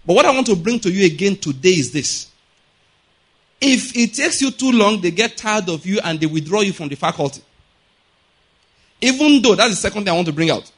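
A middle-aged Nigerian preacher's high-pitched, slightly rough voice is very animated and fairly quick, broken by long pauses. He teaches his sermon through everyday examples, explaining point by point with repetition and frequent rhetorical checks on understanding.

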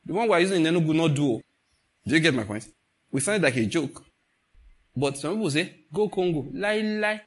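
Speaking fast but with long pauses, a Nigerian-accented man with a husky, slightly high voice preaches informally. His sermon mixes stories and jokes; he animatedly acts out quoted speech and drifts into Pidgin.

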